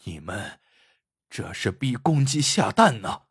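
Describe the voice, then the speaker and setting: A man's voice: mid-range voice, sing-song, takes it slowly, slightly rough, heavily acted. A man doing a bitter, grieving old craftsman. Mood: tearful. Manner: cold, tearful, bitter. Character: grieving poor older male craftsman, bitter and desperate.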